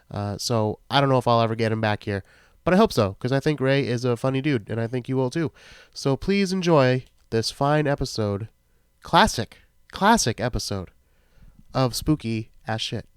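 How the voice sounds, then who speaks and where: A man's voice: medium pitch, smooth, no room sound, studio quality. A man with a stuffed-up nose from a bad cold, chatting casually and jokily as he introduces his podcast, with a self-deprecating manner. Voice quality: congested, blocked-nose sound from a bad cold. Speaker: podcast host.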